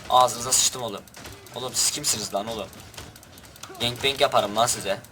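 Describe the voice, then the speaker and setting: A man's voice: medium pitch, moderate pace, bright, forceful tone, a little hiss or hum. A young man giving rowdy, crude commentary over his own gameplay and barking orders at his troops. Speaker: gaming youtuber.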